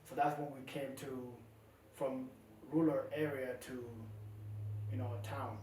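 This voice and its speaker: A relaxed young man from South Sudan speaks in an unhurried, halting way, leaning on fillers. He sounds set back from the mic in an echoey room. A faint hum of background noise sits underneath. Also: mid-range voice, distant mic. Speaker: musician guest. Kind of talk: casual interview talk.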